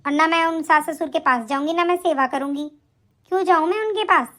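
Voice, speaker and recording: A woman's voice: sits high, fairly quick, a bit bright. Woman voicing a defiant spoiled daughter. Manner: argumentative, defiant, scornful. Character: spoiled stubborn married daughter, young woman. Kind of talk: animated story voice acting.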